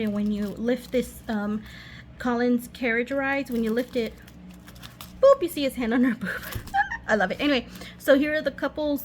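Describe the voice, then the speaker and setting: A woman giving a casual, rambling craft show-and-tell in her living room over a running washing machine, often losing her thread and interrupting herself. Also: fairly high pitch. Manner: scattered, self-interrupting, giggly asides. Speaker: craft vlogger. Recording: washing machine noise in background.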